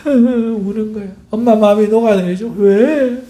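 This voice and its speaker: A male pastor preaching a lively sermon, acting out everyday dialogue to illustrate his points. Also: sits high, moderate pace.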